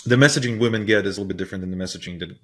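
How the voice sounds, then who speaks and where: A male podcast host reflects thoughtfully on his guest's ideas, pausing to find the right words. His voice sits very low in pitch. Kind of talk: conversational podcast interview.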